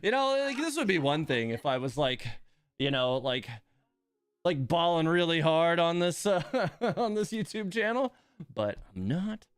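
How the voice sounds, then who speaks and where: This man runs a gaming channel and is livestreaming a gacha game from his home computer, chatting casually in an exasperated, self-mocking, grumbling tone. His fairly high voice swings widely in pitch at a measured pace, smooth and studio quality with no room sound.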